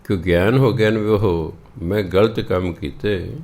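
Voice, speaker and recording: Slow, low-voiced Punjabi preacher. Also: male voice, fairly even intonation, darkish tone. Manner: slow measured explanation, chants verses slowly, corrects pronunciation. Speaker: Sikh scripture preacher. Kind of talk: scripture exposition sermon.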